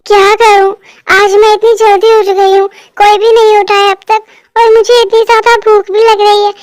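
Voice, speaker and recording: A woman's voice: very high voice, level tone, normal speed, dry recording, studio quality. A woman voicing a grown woman in a clingy, childlike little space, whining and stammering in an amateur fan dub. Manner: whiny, stammering childlike pleading.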